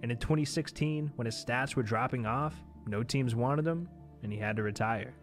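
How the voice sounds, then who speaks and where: A man's voice: mid-range voice, moderate pace. A man giving scripted, storytelling narration for a documentary-style video. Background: instrumental music.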